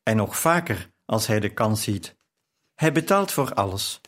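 A man's voice: on the low side, expressive, a little slow, fairly bright tone. A man voicing a brash, gossipy shopkeeper who chats and flirts forwardly in an audiobook. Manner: chatty, leering.

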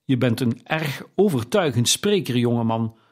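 Scrooge, a man doing a loud snapping old miser. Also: mid-range voice, lively intonation, normal speed, close to an everyday voice. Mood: threatening. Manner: curt, loud and grumbling. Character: stingy, harsh old male miser.

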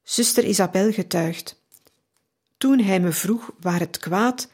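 A woman reading a saint's biography aloud on a radio programme, calm, measured and reverent. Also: medium pitch, slightly rough. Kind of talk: slow devotional reading aloud.

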